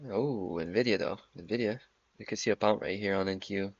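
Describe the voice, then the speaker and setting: Low gravelly young man streaming. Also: moderate pace, dull audio. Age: 20s. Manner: profane, joking banter. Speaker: trading livestream host. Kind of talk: casual stream chat.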